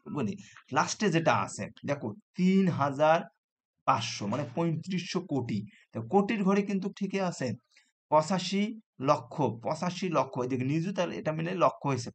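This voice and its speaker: A male math teacher, giving a classroom lesson. He counts out place values slowly and keeps asking whether the students follow. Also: medium pitch. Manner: patient, repeats "হ্যাঁ?" to check students follow.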